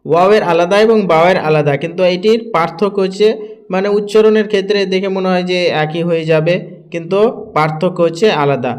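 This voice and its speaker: Man, high-pitched, Quran teacher, slow repeated letter drills. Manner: slow, repeating each letter sound several times. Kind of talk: Arabic pronunciation lesson.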